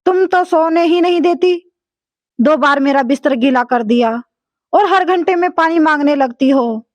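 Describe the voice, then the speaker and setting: A woman voicing a grown son in a storybook tale, impatient and quick-tempered, talking in an irritable, complaining way. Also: high voice, dry recording. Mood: angry.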